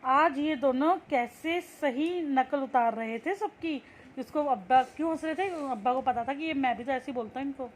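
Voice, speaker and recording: A woman's voice: high-pitched, moderate pace, hardly any pauses, slight background noise. A young woman teacher reading a textbook story aloud and explaining each line in simple words. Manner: reads a line, then restates it in simple words.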